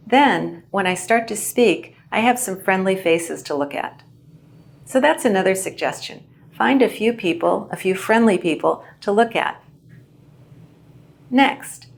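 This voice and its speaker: A woman instructor giving a clear, measured lesson on how to present well. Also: mid-range voice. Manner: clear, measured teaching delivery. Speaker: English language instructor. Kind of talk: instructional video narration.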